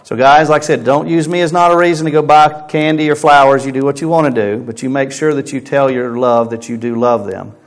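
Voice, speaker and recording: A man's voice: mid-range voice, a little fast, hardly any pauses. A man preaching a sermon as a pastor at a pulpit microphone, speaking emphatically and posing rhetorical questions.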